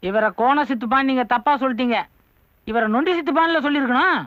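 An actor playing a cheeky young man who gives flat, matter-of-fact comebacks. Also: extremely high pitch, fast talker, dry recording. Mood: deadpan. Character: cheeky, deadpan young grandson. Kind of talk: Tamil film comedy acting. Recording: dull film soundtrack, faint music.

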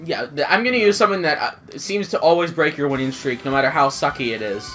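A man's voice: a little high, animated, quick pace. A young man arguing and teasing while playing a fighting game with friends. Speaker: gamer. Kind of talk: casual gaming banter. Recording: game music behind voices.

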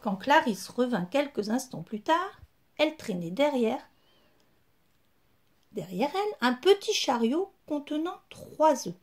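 A woman storyteller reading a children's story aloud in an unhurried, expressive way. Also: sits high.

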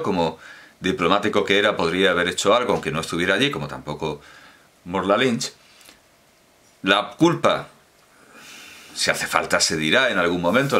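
A man with a low-pitched voice talks through a literary commentary. His tone is forceful, and he wanders into asides and corrects himself as he goes. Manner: discursive, full of asides and self-corrections.

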